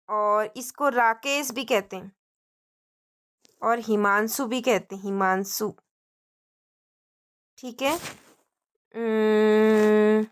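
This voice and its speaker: Woman teacher, high voice, simple words and bits, keeps asking the kids stuff. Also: fairly bright tone, clear, resonant tone. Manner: explains in simple Hindi mixed with English words; friendly, asks the children questions as she goes. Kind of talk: textbook lesson for young children.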